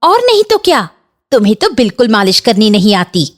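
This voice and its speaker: A woman's voice: a little high, very animated, unhurried. A woman voicing a bossy, demanding older aunt in a Hindi cartoon, complaining and scolding.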